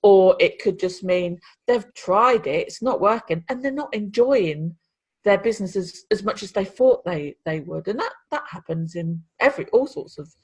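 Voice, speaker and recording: A woman's voice: medium pitch, lively intonation, normal speed, husky. A woman co-hosting a podcast, speaking in a rambling, casual way with many restarts. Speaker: podcast co-host, copywriter. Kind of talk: casual chat.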